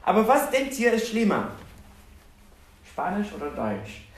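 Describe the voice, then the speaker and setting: An animated, self-deprecating preacher tells personal stories in a sermon, asking his congregation questions in an echoey church hall. His male voice is high-pitched and slow, and the recording sounds roomy and distant.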